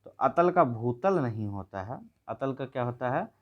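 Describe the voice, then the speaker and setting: Brisk man teaching grammar. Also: mid-range voice, expressive, dull audio. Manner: brisk, repeats each word and asks the viewer. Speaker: Hindi teacher. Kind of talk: exam revision lesson.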